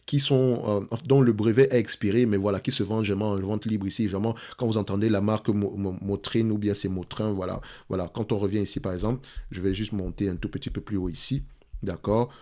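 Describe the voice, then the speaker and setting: A lower-pitched man walks viewers through a company's documents in a screen-share stock analysis. He stumbles and repeats himself, and keeps asking "ok?" and "d'accord?". His first language is French, and it shows in his English accent. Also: darkish tone. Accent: French speaker's accent in English. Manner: hesitant, repeats words, checks in with "d'accord?" and "ok?". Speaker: investment analyst, channel host.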